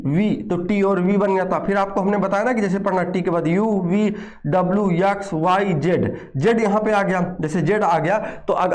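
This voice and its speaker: A man's voice: high voice, a little mellow. A man teaching an exam-prep lesson, explaining step by step and counting letters aloud while giving students repeated reminders.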